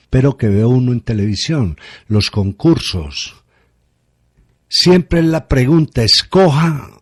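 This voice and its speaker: A man's voice: fairly low pitch, darkish tone, husky. A man, a guest on a radio conversation, reflecting aloud and asking rhetorical questions.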